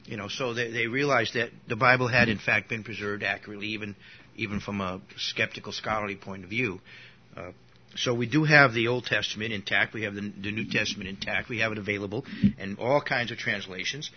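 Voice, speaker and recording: This Bible lesson comes from a man whose voice is on the low side, steady in tone, brisk and slightly rough. Informal and rambling, he restarts sentences often, wanders into asides and coughs occasionally, all captured in a dull lo-fi recording.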